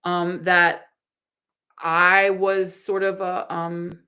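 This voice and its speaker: A woman in her forties live-streams in a casual chat, reading out her viewers' messages in a rambling way full of fillers and restarts. Her voice is lowish and flat, very slow, with a bright, forceful tone.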